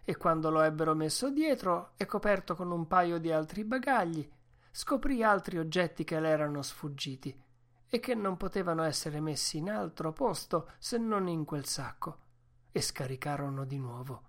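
A woman narrating a novel in a calm, even reading voice. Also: sits low, normal speed. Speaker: audiobook reader. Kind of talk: scripted narration.

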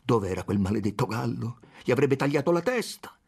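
Husky expressive male audiobook narrator. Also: medium pitch, brisk. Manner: expressive, dramatic reading.

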